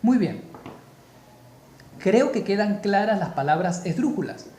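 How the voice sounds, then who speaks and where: Slow, deliberate man teaching grammar. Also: high-pitched, dark tone, echoey room, slight background noise. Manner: slow, deliberate, repeats key terms for emphasis. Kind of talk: spoken grammar lesson.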